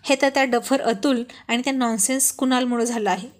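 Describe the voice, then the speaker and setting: A woman's voice: fairly high pitch, steady tone, brisk, lightly acted. Woman doing teasing, stubborn young husband. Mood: firm. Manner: coaxing, teasing, firm.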